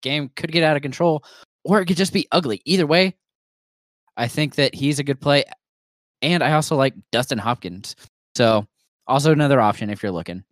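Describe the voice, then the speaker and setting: A man's voice: on the high side, a little fast, long pauses, no echo, clean studio sound. A man giving fantasy football picks in a loose, rambling way, with restarts and fillers. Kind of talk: casual picks talk.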